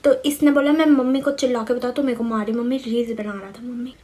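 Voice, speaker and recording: A woman doing a loud whining girl. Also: fairly high pitch, little pitch movement, quick pace, a little hiss or hum, natural voice. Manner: shouting, tattling. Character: loud whiny girl complaining about her brother. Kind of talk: comedy sketch acting.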